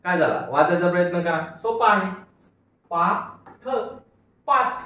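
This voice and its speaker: High-voiced male teacher in echoey room. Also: expressive, slow, sharp tone. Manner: patient, repeats each word and asks pupils to read along. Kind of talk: phonics lecture. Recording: echoey room from far off, faint noise.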